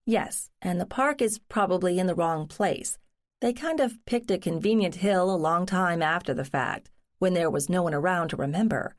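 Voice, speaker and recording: A woman's voice: fairly low pitch, normal speed, natural voice. A woman, a cozy mystery narrator, voicing an earnest, wry, determined woman in conversational, explanatory audiobook dialogue.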